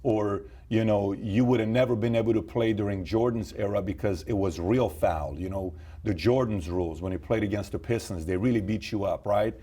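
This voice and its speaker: Male host from Iran; husky, darkish voice, pushes questions with energy. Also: fairly low pitch, fairly quick, hardly any pauses. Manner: probing, animated questioner. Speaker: host, interviewer. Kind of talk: interview questions.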